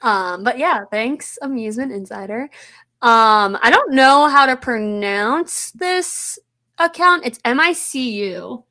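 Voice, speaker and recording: A woman podcast host with a high, bright, forward voice and a Delco accent from the Philadelphia area. She chats casually and bluntly, with an informal joking streak. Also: lively intonation, slow.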